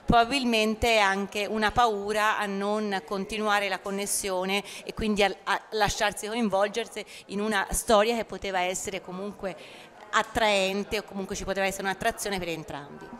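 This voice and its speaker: A woman with a medium-pitched voice works as an interpreter. She relays an explanation hesitantly, assembling each sentence as she speaks. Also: fairly even intonation, normal speed, a bit bright. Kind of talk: spoken consecutive interpreting.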